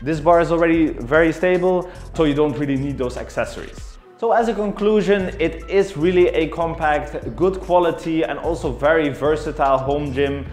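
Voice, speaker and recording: A young man in his twenties, a fitness reviewer, gives a detailed, explanatory review of home gym equipment, speaking at normal speed with hardly any pauses. His voice is fairly high and a little mellow. It was recorded indoors on a camera mic at mid distance, in an echoey room with faint music.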